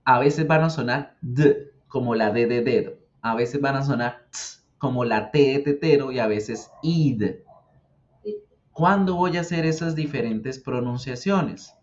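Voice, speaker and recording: Male teacher walking a learner through pronunciation, patient and slow in his repeats, muffled lo-fi recording. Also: medium pitch. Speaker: English teacher. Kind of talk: explaining English grammar and pronunciation. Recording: dull lo-fi sound.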